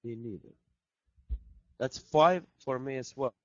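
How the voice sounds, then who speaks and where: In a casual video chat, a Finnish band member playfully reads fan questions aloud and jokes. His mid-range voice is a bit bright and a little slow, with dry, dull lo-fi sound from a laptop video call mic.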